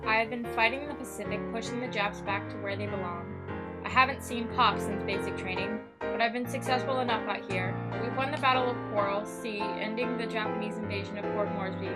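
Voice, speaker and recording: A woman's voice: mid-range voice, steady tone, fairly quick, over loud music, lightly acted. A woman playing a determined young soldier son, reading his letter home as a voice-over. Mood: resolute.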